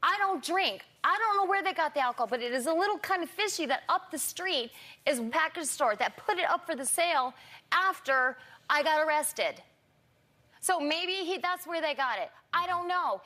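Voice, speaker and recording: A middle-aged woman with slurred speech, answering defensively and haltingly in an interview, often repeating and restarting her phrases. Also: high voice, expressive, sharp tone. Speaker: talk show guest. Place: television studio in front of an audience.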